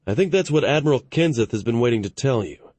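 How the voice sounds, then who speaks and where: A man's voice: medium pitch, animated, fast talker, darkish tone, breathy edge, no echo. A man voicing a stressed fleet officer. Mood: urgent. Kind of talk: audiobook narration.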